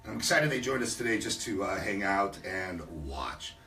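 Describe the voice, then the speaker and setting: A man co-hosting a live radio show, cheerfully plugging events. His voice is bright and lively in pitch. He sits a little back from the mic in an echoey studio. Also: normal speed, distant mic, soft background music. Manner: upbeat, plugging events with laughs. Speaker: radio co-host.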